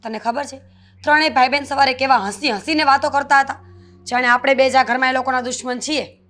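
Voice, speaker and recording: A woman's voice: high-pitched, steady tone, brisk, fairly bright tone. A woman acting a resentful elder sister-in-law in a family drama.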